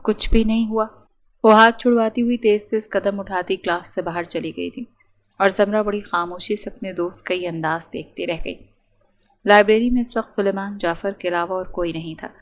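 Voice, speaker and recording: A woman narrating a romance novel audiobook with steady, dramatic storytelling. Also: medium pitch.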